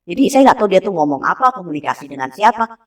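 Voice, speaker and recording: A woman in her thirties telling a personal story in a casual, animated way, acting out the voices of people she quotes. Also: fairly low pitch, very fast. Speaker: interview guest. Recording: voice slightly distant from mic.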